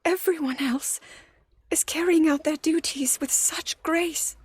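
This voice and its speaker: A woman playing an anguished young princess burdened by duty in a video game, speaking in a solemn, emotional, measured way. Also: sits high, steady tone, dry recording. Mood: despairing. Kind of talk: dramatic video game cutscene acting.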